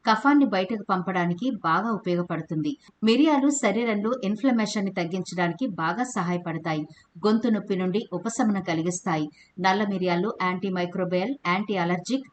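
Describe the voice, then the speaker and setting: A woman hosting a home remedy channel, reading a steady scripted explanation and addressing viewers as friends. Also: mid-range voice, a little hiss or hum. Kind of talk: scripted voice-over narration.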